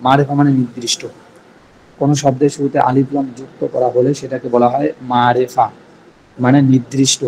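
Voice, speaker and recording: A man with a Bangladeshi Bengali accent teaching Arabic grammar in a recorded class, patiently repeating each point slowly. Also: medium pitch, flat delivery, mellow, slight background noise, poor audio.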